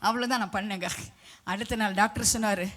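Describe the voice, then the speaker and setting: Fervent middle-aged woman preacher, bright voice. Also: mid-range voice, steady tone, fast talker. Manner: fervent, swelling to loud emphatic declarations; breaks into sung hymn lines. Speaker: preacher giving testimony. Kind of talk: impassioned testimony sermon.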